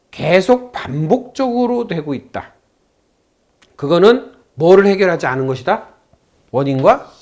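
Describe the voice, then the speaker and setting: Male lecturer, high voice with a wide, animated pitch range, quizzes his class. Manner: acts out both sides of a phone call, asks the class questions. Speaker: saju fortune-telling lecturer. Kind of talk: lecture with a story told to students.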